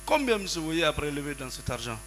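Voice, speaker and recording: A male lawyer cross-examining in a courtroom, his voice bright and forceful. He keeps pressing and repeats his questions until he gets an answer. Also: fairly high pitch, very animated, brisk, poor audio. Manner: persistent, repeats pointed questions.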